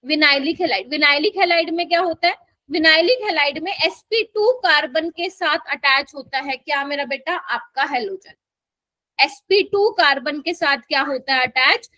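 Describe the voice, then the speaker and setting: A woman's voice: high-pitched, unhurried, bright, forceful tone, no echo. A woman teaching a live chemistry class, coaxing and quizzing her students as she explains. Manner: coaxing, keeps quizzing students and calling them "my child".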